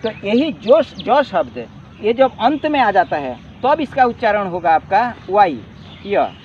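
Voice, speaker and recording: A man's voice: high-pitched, big pitch swings, takes it slowly, far from the mic. A man teaching a spoken lesson on yoga in an earnest, explaining way, repeating key words. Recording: dull lo-fi sound with faint outdoor noise, off-mic.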